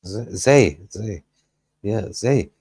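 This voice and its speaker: A man, speaking English as an in a casual panel chat and often pausing to search for words. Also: fairly low pitch, animated, creaky, a little mellow, husky, dry recording, clean studio sound. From Germany. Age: 30s. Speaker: panel guest.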